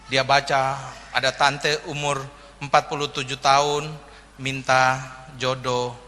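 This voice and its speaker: A man's voice: mid-range voice, little pitch movement, slow, pushed and bright. A pastor preaching a sermon, telling humorous stories and speaking directly to his congregation. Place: church sanctuary. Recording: reverberant hall with faint noise.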